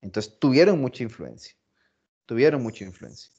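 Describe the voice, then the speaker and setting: A man teaching a philology class, explaining slowly, repeating phrases and stressing example words. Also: medium pitch, very animated, darkish tone, lo-fi sound. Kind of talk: recorded class lecture.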